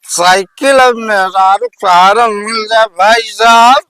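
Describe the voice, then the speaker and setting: A man's voice: high-pitched, slow, bright, forceful tone, exaggerated voice. A man with an Awadhi accent playing a boastful, quarrelsome village drunk in a comedy sketch, slurring and rambling. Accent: Awadhi, eastern Uttar Pradesh.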